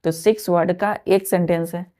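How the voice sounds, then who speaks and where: In a fairly low, warm voice with fairly even intonation and a moderate pace, a female teacher leads a vocabulary lesson. She counts aloud, spells words letter by letter, repeats each one, and keeps confirming that her students follow along.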